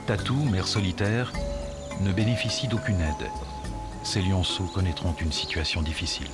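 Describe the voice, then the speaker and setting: A man with a low-pitched voice delivers scripted narration for a nature documentary. He explains in a measured storytelling manner. Loud music plays behind his words. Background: music under the voice.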